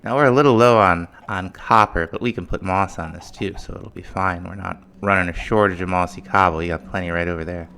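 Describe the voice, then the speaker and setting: A man casually narrating his modded game as a let's play host, thinking aloud in a relaxed, mumbling way, with faint music behind. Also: low voice, fairly quick, hardly any pauses, clear, resonant tone. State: morning voice. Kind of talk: casual gameplay commentary.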